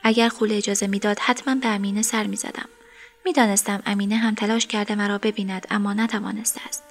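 A woman narrating a story in an even, measured voice. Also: medium pitch.

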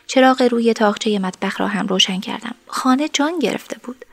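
A woman narrating a story in the first person, in a soft, sometimes whispered voice. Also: on the high side.

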